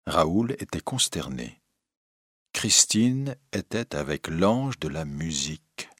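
A man narrating a storybook in a measured, even way. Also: sits low, no room sound, studio quality.

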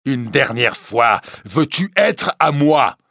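A man's voice: on the low side, big pitch swings, unhurried, creaky, a bit bright, breathy edge, no echo, clean studio sound, heavily acted. A man reading a story aloud, voicing a tormented, obsessive male priest who pleads and threatens with passion. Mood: furious shouting. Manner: passionate, pleading then menacing.

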